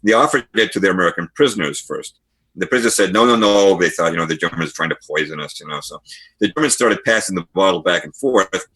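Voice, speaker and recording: A man speaks as a guest author in a podcast interview, his voice low and husky. He explains history as a string of stories and stops to read passages from books. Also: fast talker, a bit bright. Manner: storytelling, reads passages aloud from books.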